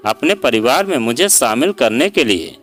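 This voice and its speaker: A man's voice: medium pitch, very animated, moderate pace, a bit bright, faint music behind. A man voicing a hurt, outspoken young daughter-in-law in a storybook reading, speaking sharply and sarcastically. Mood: earnest. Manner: sarcastic and pleading by turns.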